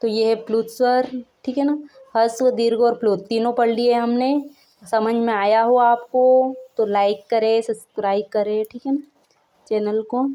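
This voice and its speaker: This is a woman with a fairly high, mellow voice that barely moves in pitch, talking at a moderate pace. She leads an informal Hindi grammar lesson, asking the viewer questions and tacking "theek hai na" onto each point to confirm they follow. She elongates sounds to show their length.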